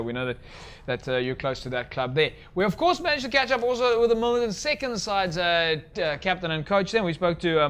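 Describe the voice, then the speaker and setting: Male host, fast and chatty, slightly high, clean voice. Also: fairly bright tone. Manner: chatty, loose, many fillers. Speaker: TV rugby show host. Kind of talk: presenting between segments.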